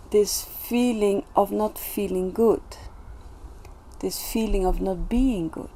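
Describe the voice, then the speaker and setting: A woman vlogger talking in a casual, reflective monologue, gentle and earnest, with many pauses and restarts. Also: medium pitch, a little hiss or hum. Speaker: self-development vlogger.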